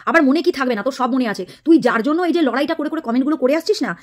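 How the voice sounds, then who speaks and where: Fast-talking scolding woman vlogger. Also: high voice. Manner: scolding, mocking, insulting a rival. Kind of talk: angry direct-to-camera rant.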